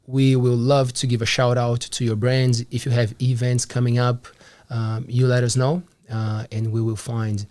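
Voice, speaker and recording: A man in his thirties hosts a casual live show in a small studio, chatting in a friendly, upbeat way with lots of fillers. His voice is mid-range and a little mellow.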